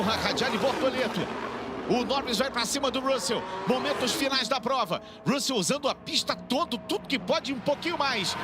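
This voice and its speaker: A Brazilian man giving live motorsport commentary, excited and dramatic, repeating phrases for emphasis as he calls the race. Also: very high voice. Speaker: motorsport commentator, lead announcer.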